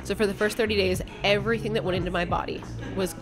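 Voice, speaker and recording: A woman's voice: mid-range voice, fairly even intonation, quick pace, music in the background. A woman guest on a podcast, telling a personal story in a candid, blunt way and swearing casually. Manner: candid, blunt, speaks her mind.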